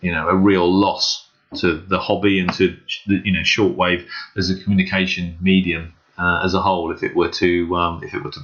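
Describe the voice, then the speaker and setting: The man hosting this casual hobbyist screen walkthrough speaks at a moderate pace in a low, slightly bright voice with little pitch movement. He is earnest, unscripted and hesitant, and a muffled lo-fi microphone dulls the sound.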